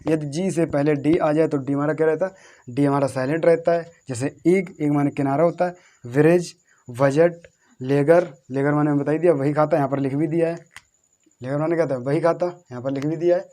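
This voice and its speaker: A male teacher with a somewhat high voice leads a patient spelling lesson. He repeats each word several times and spells it out one letter at a time. He keeps asking his pupils questions and answering them himself. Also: steady tone, mellow. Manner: repetitive, drills words slowly letter by letter. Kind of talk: classroom-style lesson on English spelling.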